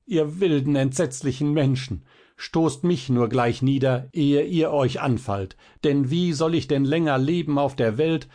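A man reading aloud and voicing a gentle but anguished young woman in a storybook. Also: mid-range voice, a little slow, hardly any pauses, natural voice. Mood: anguished pleading. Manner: pleading, raised in distress.

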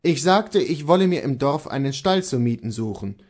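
An aggrieved male stable servant tells his master what happened in a storybook reading, voiced by a man. The voice stays close to the reader's own, plain and low-key, with a lively rise and fall. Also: moderate pace, close to an everyday voice.

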